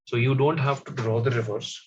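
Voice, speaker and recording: A man teaching a class, explaining step by step and often pausing with fillers. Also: medium pitch, fairly even intonation, slightly rough. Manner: slow, stop-start explaining with fillers. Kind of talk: classroom map lesson. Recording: dull, slightly lo-fi audio.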